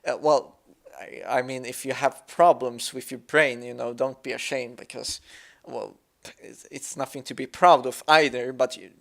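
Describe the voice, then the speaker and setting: This young Swede, a gaming YouTuber whose first language is Swedish, delivers hesitant, casual game commentary in a Swedish accent, with plenty of fillers and restarts. He has a gravelly, slightly bright mid-range voice with a steady tone and moderate pace.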